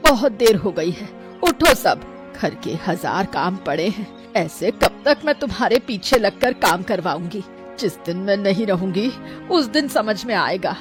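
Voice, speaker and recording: A woman's voice: medium pitch, expressive, unhurried, close to an everyday voice. Nagging cartoon grandma of five girls, woman voicing her, dramatic, music under. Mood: scolding. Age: older.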